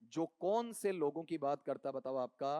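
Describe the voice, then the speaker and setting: A man's voice: on the high side, lively intonation, moderate pace, dark tone, clear, resonant tone, no room sound, clean studio sound. A man teaching an exam coaching class, quizzing students with call-and-response questions. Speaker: English teacher.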